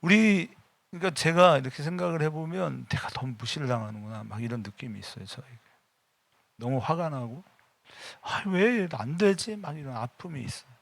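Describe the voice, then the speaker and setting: A middle-aged male pastor preaches in a church with a bright, forceful, gravelly voice. His pitch swings widely as he goes from casual, personal talk to loud prayers. The sound is dry and close. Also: a little fast, dry recording. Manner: emphatic and personal, mixing casual speech with sudden loud bursts of prayer. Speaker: senior pastor. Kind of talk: afternoon church sermon. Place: church sanctuary.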